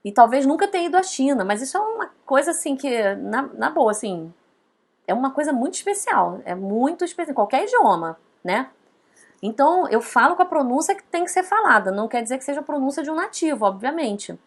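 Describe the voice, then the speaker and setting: A woman teaching a casual online lesson, chatty, often tagging her points with quick questions. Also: high-pitched, very animated. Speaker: Mandarin teacher.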